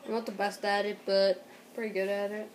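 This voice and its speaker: A young woman giving a casual home tutorial in a halting, rambling way, as an amateur host. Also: medium pitch, level tone. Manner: halting, rambling delivery with throat clearing. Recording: noticeable background noise, amateur home recording.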